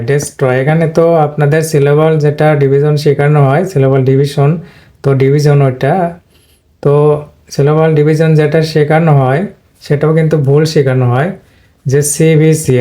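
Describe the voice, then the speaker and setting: A man with a voice on the high side, yet dark and mellow, gives a plain, repetitive whiteboard lesson on English pronunciation. He goes point by point with little rise and fall, clearing his throat from time to time.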